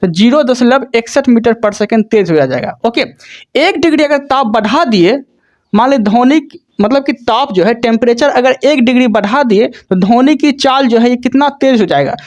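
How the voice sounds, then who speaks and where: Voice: mid-range voice, expressive, moderate pace, darkish tone. A teacher giving an exam coaching lecture, repeating each point and asking and answering their own questions, with frequent check-ins to the students.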